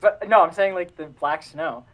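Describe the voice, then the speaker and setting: Animated young man in a casual chat. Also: sits high, moderate pace, a crowd in the background. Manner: animated, jokey, trips over words. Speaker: podcast co-host.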